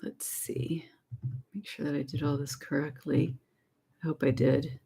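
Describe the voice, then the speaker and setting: A woman's voice: low voice, little pitch movement, unhurried, gravelly, dark tone, slightly rough. A woman hosting a casual spiritual livestream, talking in a rambling way, correcting herself and laughing as she goes. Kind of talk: casual live-stream talk.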